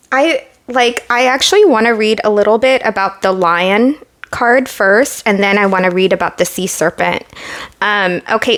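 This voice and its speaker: A woman's voice: mid-range voice, fairly bright tone. A young adult woman giving a casual pick-a-card tarot reading, chatty and earnest, full of fillers and emotion. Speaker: tarot reader.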